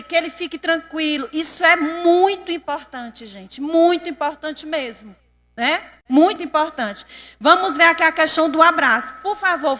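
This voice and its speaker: A woman with a high, bright voice lectures an audience. She keeps asking them questions. Her voice carries a long reverb from a large chamber. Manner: asks the audience questions often. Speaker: speaker at a public event. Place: council chamber.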